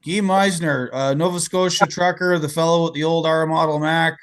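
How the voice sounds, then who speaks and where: A man's voice: on the high side, steady tone, moderate pace, fairly bright tone, smooth. A man hosting a podcast, talking emphatically in casual conversation, often repeating words and saying "like". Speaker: podcast host.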